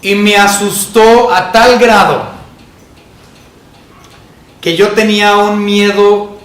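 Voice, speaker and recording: A man preaching a sermon as pastor, telling a personal story and acting out his childhood fear in a higher voice. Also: fairly even intonation, takes it slowly, fairly bright tone, echoey room. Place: church sanctuary.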